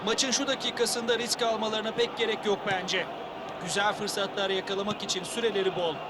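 A man's voice: sits high, level tone, a little fast, natural voice. A man playing a matter-of-fact football co-commentator in a video game, giving analytical remarks on play. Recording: loud stadium noise behind voice.

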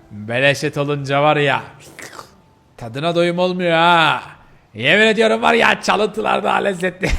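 A man's voice: a little high, creaky, pushed and bright, exaggerated voice. A man voicing a cocky bully dog who mocks a stray in a game role-play. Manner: mocking, boastful.

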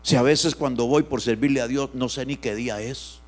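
A man preaches a sermon, his voice in the middle of the usual range for a man. He swings between loud bursts and soft, hushed asides. A low mains hum runs under the recording. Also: fairly even intonation, normal speed. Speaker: pastor.

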